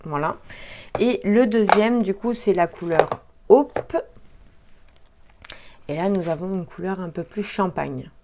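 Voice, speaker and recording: A woman's voice: lowish voice, unhurried, long pauses, background noise. A woman, chatting casually as she unboxes makeup, with frequent hesitations and fillers. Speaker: beauty vlogger.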